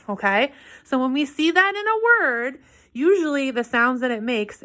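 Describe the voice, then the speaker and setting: A woman teaching a phonics lesson to young children, sounding out words slowly and checking in with "okay?". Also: fairly high pitch, a bit bright. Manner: slow, clearly sounding out words and letters; asks frequent "okay?" check-ins.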